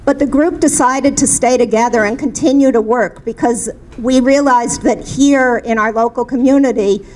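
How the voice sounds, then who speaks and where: Earnest woman, higher voice. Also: darkish tone, poor audio. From Minnesota, USA. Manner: earnest, halting with restarts. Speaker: community activist. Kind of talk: panel discussion remarks.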